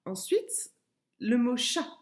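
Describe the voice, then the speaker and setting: Patient woman teacher, slow and lively in pitch, for a recorded early-school lesson. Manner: slow, patient, spells out syllables and repeats words. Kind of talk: remote classroom lesson video.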